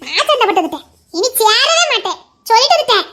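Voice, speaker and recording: A woman's voice: extremely high pitch, very animated, quick pace, sharp tone, heavily acted. A woman acting as a playful, giggly young wife bantering with her husband. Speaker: actor in a romantic couple skit. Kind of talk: acted romantic dialogue.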